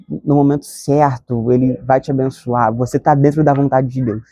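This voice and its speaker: Earnest young man, mellow voice. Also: medium pitch, husky, dry recording, highs cut off. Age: 20s. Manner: earnest, conversational, frequent "sabe?" tags. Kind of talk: reflective devotional talk to camera.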